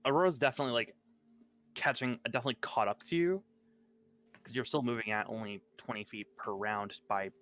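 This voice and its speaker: A man's voice: medium pitch, brisk, a bit bright. A man narrating as game master, thinking aloud and correcting himself as he goes.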